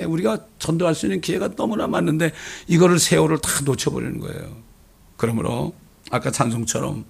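Male pastor, fervent sermon, gravelly fry, husky tone, loud bursts and low asides.

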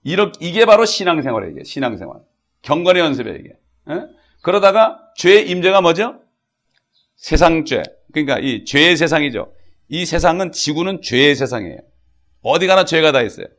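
A man's voice: fairly high pitch, sing-song, fairly quick, a bit bright. A middle-aged man preaching a sermon as a pastor, talking in a conversational way with frequent asides and acting out quoted voices and prayers.

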